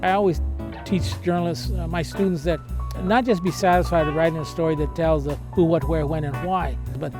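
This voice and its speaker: A man's voice: on the high side, steady tone, brisk. A man who teaches journalism, speaking in an interview in a searching way with restarts. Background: background music.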